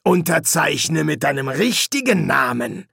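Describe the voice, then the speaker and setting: Audiobook demon villain, menacing and smug, drawn-out delivery, lively pitch, as a male narrator puts him on. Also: vocal fry, husky, no room sound, studio quality, heavily acted. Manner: slow, gloating.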